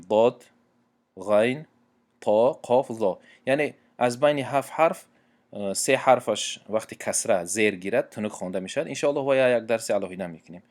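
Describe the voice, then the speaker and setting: A man with a Tajik accent teaching tajweed, reciting Quranic examples slowly and drawn out, then explaining quickly with hesitations and self-corrections. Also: fairly low pitch, a little mellow.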